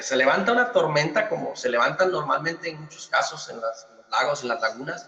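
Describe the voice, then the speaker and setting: Bright-voiced male pastor in echoey hall. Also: a little high. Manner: halting, many fillers and restarts. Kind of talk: sermon. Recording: echoey room with long reverb.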